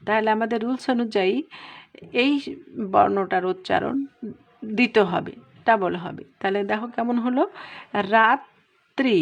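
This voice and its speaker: A woman teaching a pronunciation lesson, explaining rules step by step and drawing out each example word slowly. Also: mid-range voice, creaky, highs cut off. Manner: patient, explains step by step, drawn-out example words. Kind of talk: spoken lesson.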